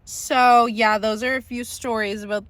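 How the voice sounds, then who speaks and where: A woman's voice: fairly high pitch, unhurried, no echo. A woman vlogger telling stories in casual chat, laughing often and acting out what people said. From England. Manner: animated, laughs often, acts out quotes.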